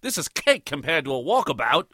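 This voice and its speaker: An actor playing a cheeky, boastful adventurer who speaks with an Australian accent and a lot of slang. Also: male voice, a little high, sing-song, a little fast, sharp tone, breathy edge, no room sound, studio quality, heavily acted. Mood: cocky. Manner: brash, joking, full of slang. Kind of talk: audio drama acting.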